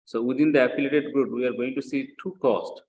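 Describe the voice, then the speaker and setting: In a classroom lecture, a male accounting instructor explains a worked example, repeating the essentials and often asking short questions to check in. His medium-pitched voice is steady, brisk, and somewhat dark, with a little hiss or hum in the background.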